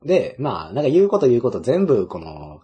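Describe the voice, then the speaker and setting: A man's voice: medium pitch, wildly swooping pitch, brisk, dull audio. A man in his twenties with a Kansai accent chats casually as a co-host, often searching for his words in broken phrases. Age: 20s. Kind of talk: casual chat.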